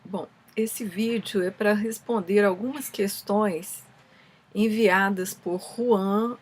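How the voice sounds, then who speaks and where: A woman with a Brazilian Portuguese accent giving a scripted explanation as a presenter, reading in a measured way with occasional small stumbles. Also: mid-range voice. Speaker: presenter answering a film student's questions.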